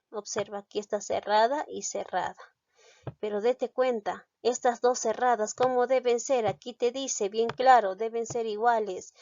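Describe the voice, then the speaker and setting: A woman's voice: medium pitch, no room sound, dull audio. A woman teaching a grammar lesson, patiently asking her students questions step by step. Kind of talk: grammar lesson explaining vowel rules.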